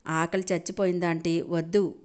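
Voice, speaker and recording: A woman's voice: lowish voice, little pitch movement, normal speed, darkish tone, close to an everyday voice. A woman voicing a sulky, touchy young man in an audio story, near her own voice.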